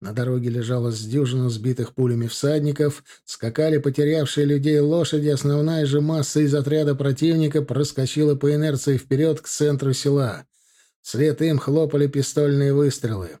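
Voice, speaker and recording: A man narrating a historical war story in a steady, measured reading. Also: mid-range voice. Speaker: audiobook narrator. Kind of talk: scripted narration.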